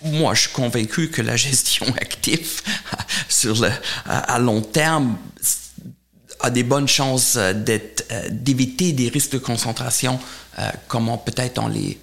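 A middle-aged man from Germany speaking French as a second language with a German accent, answering interview questions in a halting way, often repeating words. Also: medium pitch, gravelly, a bit bright. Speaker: portfolio manager, interview guest.

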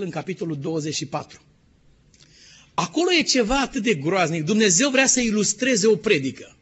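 A male pastor preaching a sermon emphatically, sometimes dropping to a hushed tone. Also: high voice, husky. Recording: dull lo-fi sermon recording.

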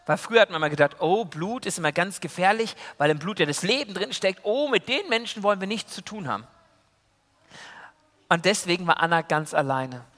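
A preacher telling a Bible story to children in a lively way, going from loud to hushed. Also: male voice, sits high, fairly quick, in a large hall. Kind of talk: sermon told as a children's story. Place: church.

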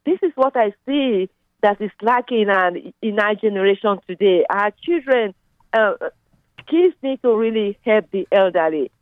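A middle-aged Nigerian woman with a Nigerian accent rings in to a radio show, rambling along with plenty of fillers in a casual phone chat. Her mid-range voice is expressive and moves at a normal speed, and the phone line sounds tinny and dry.

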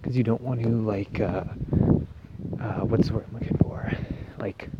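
Man, low voice, swollen-cheeked after wisdom teeth, laid-back rambling, hesitant, very noisy outdoor phone recording, dull sound. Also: fairly even intonation, normal speed. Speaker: solo podcast host. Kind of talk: casual rambling walk-and-talk monologue. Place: outdoors walking on a residential street. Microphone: handheld phone.

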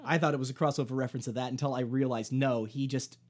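Man pitching comedy ideas on a podcast. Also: steady tone, fast, a little mellow. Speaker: podcast co-host. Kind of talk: casual chat.

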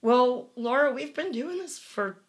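A woman's voice: high voice, a little slow. Emphatic, rambling woman podcast host. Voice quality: smoker's cough. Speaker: true crime show host. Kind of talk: casual podcast talk.

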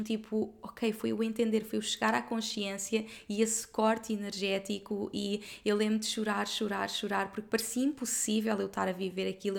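A young adult woman from Portugal with a European Portuguese accent, hosting a podcast and telling a personal story straight to her listeners in a heartfelt, earnest way, talking quickly with lots of fillers and repeated words. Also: medium pitch, gravelly. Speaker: podcast host.

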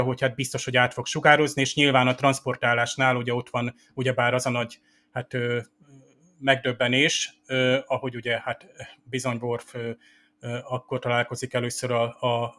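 Man, podcast host, solo commentary, bright tone, hesitant, filler sounds. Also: medium pitch.

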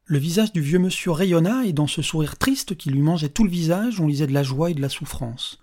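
A narrator reading a story aloud in a calm, measured audiobook style. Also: mid-range voice.

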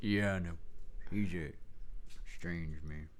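A man playing a hungry folksy man with a dry, deadpan manner, in an improvised comedy sketch. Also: low-pitched, slow.

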